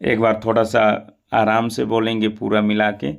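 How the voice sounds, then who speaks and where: A man teaching Sanskrit mantra pronunciation, chanting each syllable slowly and at length between explanations. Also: fairly low pitch, completely flat delivery, gravelly.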